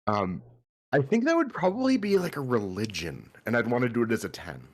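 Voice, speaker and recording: A man's voice: medium pitch, sing-song, a little fast. A man in casual chat as a player in a tabletop game, rambling through his plans and laughing often.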